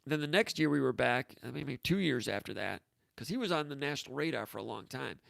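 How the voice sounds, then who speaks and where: A man's voice: medium pitch, expressive, quick pace, gravelly, fairly bright tone, no echo. A man hosting a casual sports talk show, telling stories in a rambling, anecdotal way, with frequent restarts. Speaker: host.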